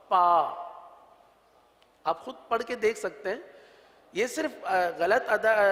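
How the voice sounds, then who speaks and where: Pakistani Urdu male teacher, patient, drills each letter sound slowly, highish voice, long reverb tail. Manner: patient, repeats sounds drawn out for students. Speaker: Quran reading teacher. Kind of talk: religious letter-pronunciation lesson.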